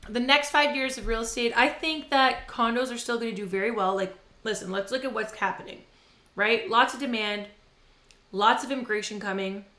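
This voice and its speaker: A woman's voice: on the high side, normal speed, reverberant. A woman co-hosting a casual podcast about real estate while eating hot wings, laughing often and reacting to the spice. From Ontario, Canada. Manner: laughs often, excitable, reacting to spicy food.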